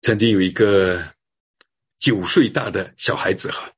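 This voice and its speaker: A man's voice: low-pitched, a little slow, husky, dull audio. A man preaching a sermon, telling a story earnestly and drawing his phrases out, ending with a prayer. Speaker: pastor.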